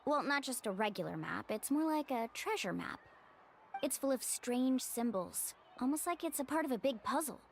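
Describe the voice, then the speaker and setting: Game casting: an eager young female guide, high and very lively, earnest and upbeat. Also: normal speed, creaky, slight background noise. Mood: nervous, explaining. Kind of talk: video game voice acting.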